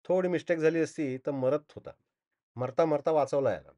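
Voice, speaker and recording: A man's voice: a little high, normal speed, mellow, lightly acted. A man voicing a flustered truck driver who pleads that he is not at fault, in a slightly dull recording. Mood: pleading. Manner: pleading, earnest. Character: flustered male truck driver defending himself.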